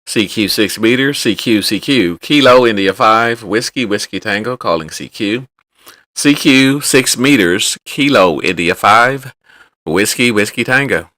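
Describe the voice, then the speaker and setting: Man making bright ham radio calls. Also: lowish voice, expressive, measured pace, no echo. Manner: loud, sing-song repeated ham radio calls. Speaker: amateur radio operator in a contest. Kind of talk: calling CQ on air with phonetic call sign.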